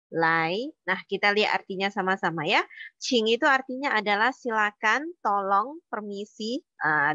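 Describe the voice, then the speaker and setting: A woman's voice: mid-range voice, sharp tone, no echo, highs cut off. A woman teaching a Mandarin lesson online, explaining words step by step with patient fillers.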